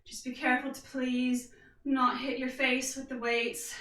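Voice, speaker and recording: A woman leads a guided workout with a high, bright, forward voice. She calls out steady, upbeat cues, one movement at a time. The sound bounces around an echoey room, and the mic sits well away from her. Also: measured pace, recorded from a distance. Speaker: fitness instructor.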